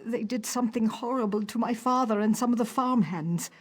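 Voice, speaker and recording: A woman's voice: fairly high pitch, a little fast, lightly acted. An actress voicing a worried, grieving farm wife and mother in a fantasy video game, earnest and pleading.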